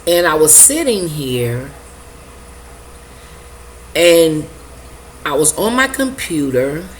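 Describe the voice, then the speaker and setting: An older woman telling an emotional personal story, halting and repeating herself as she acts out her own reactions. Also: sits low, sing-song, a little hiss or hum, low-quality recording. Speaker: vlogger sharing a personal testimony.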